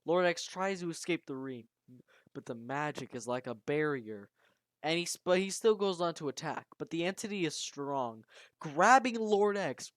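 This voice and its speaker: Dry, animated amateur storyteller. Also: mid-range voice, moderate pace, dry recording. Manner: animated, dramatic narration with frequent restarts. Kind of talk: casual retelling of a fan-made horror story.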